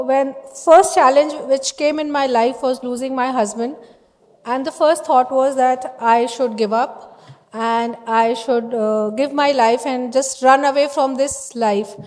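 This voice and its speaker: A middle-aged woman, emotional, giving a halting award acceptance speech with many fillers and restarts. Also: high voice, a little mellow. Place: large event hall. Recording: long reverb in a hall.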